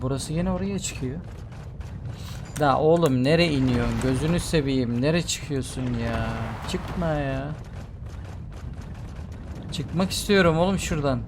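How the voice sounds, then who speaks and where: A man's voice: a little high, measured pace, pauses often, noisy background. A man giving live commentary on a video game he plays, talking to himself, often exasperated and exclaiming. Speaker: gameplay streamer.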